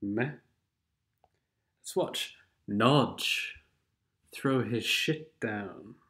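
Speaking very slowly with a fairly low pitch and a sharp tone, a man whose nose is blocked by a cold rambles sardonically over game replays. He's a gaming commentator who breaks into bits of songs.

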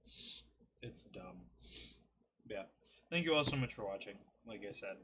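In a lowish, animated voice at a measured pace, with background noise audible, a man in his early twenties rambles through a food review. He sits at a desk webcam in his small, messy bedroom, joking and cracking self-deprecating remarks.

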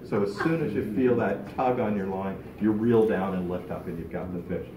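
A middle-aged man giving an animated, informal talk to a fishing club in a large meeting room. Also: lowish voice, normal speed, background noise. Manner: animated, gestures a lot while talking. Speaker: club speaker. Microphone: far camera, no mic. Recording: echoey room from far off.

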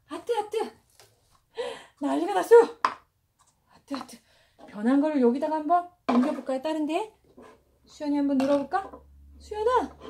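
Young mom vlogger, very high lively voice, cooing at her baby at home. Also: slight background noise. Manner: sing-song, exclamatory, cooing to a child. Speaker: mother filming play with her baby. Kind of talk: playful parenting vlog narration. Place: home indoors.

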